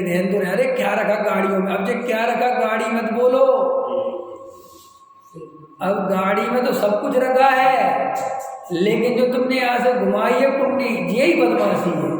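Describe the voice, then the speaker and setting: A man giving a Jain religious discourse, explaining points and asking his listeners questions, slowing down for emphasis. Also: sits high. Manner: explanatory, asks the audience questions, slows for emphasis. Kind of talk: sermon. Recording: echoey hall with faint noise.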